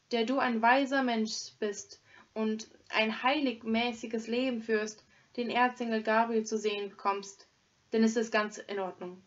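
A woman's voice: fairly high pitch, natural voice. A woman doing an easygoing robber. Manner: soothing, easygoing. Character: calm good-natured male robber. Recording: dull lo-fi recording.

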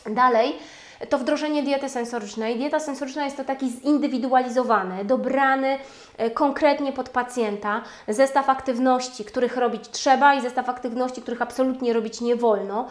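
A woman's voice: sits high, fairly even intonation. Formal woman lecturing in a roomy space. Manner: measured, formal, many hesitation sounds. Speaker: speech therapy lecturer. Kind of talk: webinar lecture. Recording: roomy echo.

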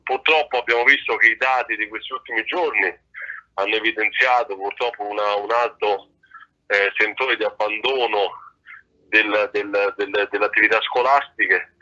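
A man's voice comes through a speakerphone, dull and muffled in sound. His tone is very bright and sharp at an ordinary pitch. He gives a formal address to a meeting and often stops to repeat words. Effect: heard over a speakerphone. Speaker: guest official addressing a public meeting.

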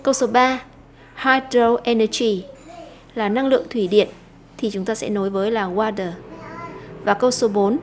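A Vietnamese woman teacher explaining an English lesson, slowing down to read English phrases aloud. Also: on the high side, steady tone, darkish tone, a little hiss or hum.

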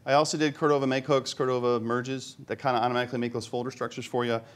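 A man's voice: mid-range voice, little pitch movement, rapid-fire. Joking man giving a live tech demo. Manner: joking, self-deprecating, thinks aloud while demoing. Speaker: conference speaker. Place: conference hall with live audience.

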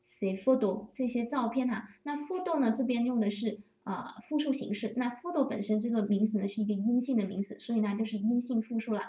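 Mellow-voiced woman teaching grammar, roomy echo. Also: fairly high pitch. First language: Chinese. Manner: patient, repeats and spells out example phrases slowly. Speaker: French teacher. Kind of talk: explaining grammar to learners. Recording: roomy echo, distant from the mic.

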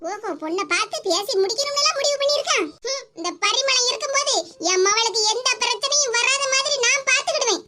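A woman's voice: very high voice, quick pace, hardly any pauses, very noisy. A woman doing a fiery scolding old mother. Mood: angry scolding. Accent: Tirunelveli Tamil. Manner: scolding, accusing, sarcastic.

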